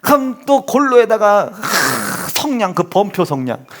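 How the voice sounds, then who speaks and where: A middle-aged male pastor preaches in a church sanctuary. His voice sits high and swings widely in pitch as he tells stories and acts out his family. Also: unhurried. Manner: animated storytelling, mimics family members. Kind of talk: sermon.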